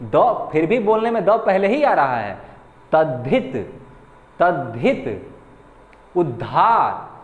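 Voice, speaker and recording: Guy teaching at a board, high voice that jumps around, echoey room w long reverb. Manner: slow, repetitive, spells out syllables. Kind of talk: board lesson on grammar.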